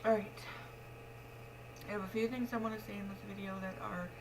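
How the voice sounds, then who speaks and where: A woman's voice: mid-range voice, steady tone, brisk. A young adult woman talking casually and frankly to her vlog, rambling in a matter-of-fact way, with the speech of someone missing front teeth. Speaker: pregnant vlogger. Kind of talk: casual confessional vlog talk. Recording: clearly noisy home recording with hum.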